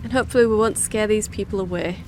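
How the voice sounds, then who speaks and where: A woman's voice: medium pitch, steady tone, quick pace, darkish tone, slight background noise, poor audio. A woman hosting a let's play, chatty and reactive, commenting casually and reading game dialogue aloud. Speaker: gamer, let's play host. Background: game music.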